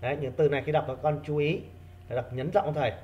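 A male primary school teacher giving an online reading lesson, repeating key words slowly for his pupils. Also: on the high side, fairly even intonation, dull audio.

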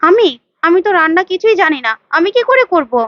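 A woman reading the lines of a haughty, sharp-tongued sister-in-law in a retold TV serial. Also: extremely high pitch, animated, fast talker, no echo, lo-fi sound, pitched above the performer's own voice. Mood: indignant. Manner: indignant, sharp.

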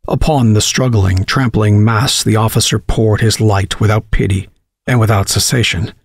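A man narrating a horror story, reading in a measured, dramatic way. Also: on the low side, steady tone, no echo, studio quality.

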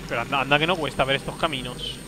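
A man's voice: mid-range voice, fairly even intonation, very fast, background noise. A man streaming a horror game live, thinking aloud, easily startled and yelping at scares. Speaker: livestreaming gamer.

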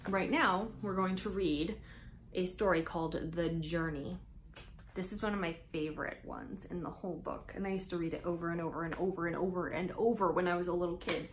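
A little hiss or hum runs through this indoor camera-mic clip of a woman in her thirties reading a picture book to young kids. She has a lowish voice and gives the story expressive, drawn-out emphasis as host.

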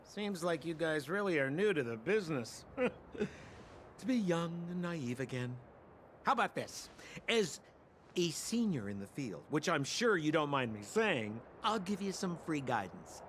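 A slippery young trader who never stops talking, his voice sitting high and bouncing all over as he coaxes and flatters. It is a game character with a light, playful edge, and a faint hiss sits under the studio track. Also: a little slow. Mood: smug. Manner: chatty, wheedling salesman patter. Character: sly smooth-talking young male merchant. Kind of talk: game voice acting.

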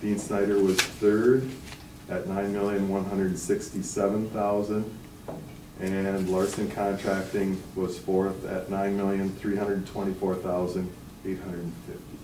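A man's voice: low-pitched, measured pace. A man standing in a meeting room, steadily walking a school board through bid items and prices. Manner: steady, explanatory, reads figures aloud. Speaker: architect presenting bids. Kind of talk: formal presentation at a meeting. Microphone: far camera. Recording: echoey room from far off, background hiss.

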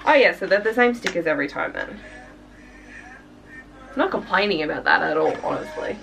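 A woman's voice: fairly low pitch, lively intonation, brisk, vocal fry, fairly bright tone, recorded from a distance, faint music behind, rough recording. A young woman from Australia gushing and chatting casually while unboxing albums for her vlog, full of fillers and sighs. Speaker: K-pop reaction vlogger.

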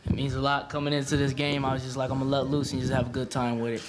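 Fast-talking young man, flat and casual. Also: mid-range voice. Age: young adult. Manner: relaxed, flat delivery with casual slang. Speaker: senior college football player. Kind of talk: post-game press conference answers. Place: press conference room. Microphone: table mic.

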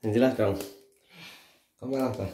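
A man's voice: medium pitch, normal speed, warm tone, reverberant, recorded from a distance. A man filming his family, teasing his wife in casual, playful banter and pressing her with questions. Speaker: father filming a family vlog.

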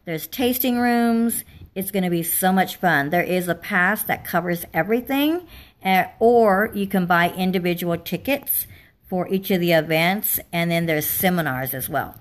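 A woman hosting a casual livestream from home, her voice slightly raspy as she is losing it, chatting with fillers. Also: on the low side, measured pace. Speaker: livestream host. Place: home, indoors.

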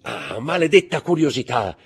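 A man's voice: mid-range voice, sing-song, normal speed, husky, faint music behind, pitched above the performer's own voice, heavily acted. A man reading aloud who voices a frantic aristocratic young mother, pleading and breathless. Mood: eager.

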